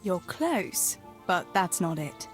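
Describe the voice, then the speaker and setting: Theresa, a teasing young village sweetheart. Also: female voice, lowish voice, sing-song, slow pace, soft background music. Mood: playful. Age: young adult.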